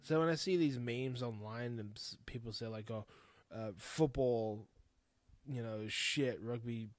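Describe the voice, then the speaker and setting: The voice is a man's, mid-range and measured, recorded with no echo. He's a New Zealand podcast host in his thirties going solo, rambling candidly, blunt and frank, with plenty of swearing.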